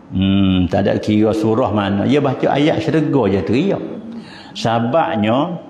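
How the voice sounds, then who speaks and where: A religious teacher from southern Thailand with a Patani Malay accent gives an informal lecture in a mosque hall, chatty and explanatory, now and then chanting verses. His voice is lowish, gravelly, and dark in tone, at normal speed. The hall is echoey and the sound dull and lo-fi.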